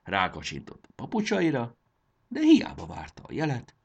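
A man's voice: mid-range voice, huge pitch swings, vocal fry, slightly rough. A man narrating a children's storybook expressively, voicing the characters.

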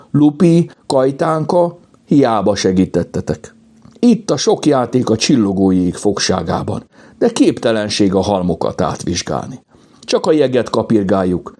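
A man voicing an excitable, bossy young girl in a children's audiobook, with high, eager exclamations. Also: husky, full character voice. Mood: despairing.

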